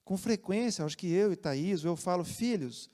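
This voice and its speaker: Brazilian pastor guy preaching, pretty high voice, big echoey church hall, goes loud then soft. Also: moderate pace. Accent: Brazilian Portuguese. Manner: animated preaching, shifting from loud emphasis to soft asides. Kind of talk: sermon. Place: church sanctuary. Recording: long church hall reverb.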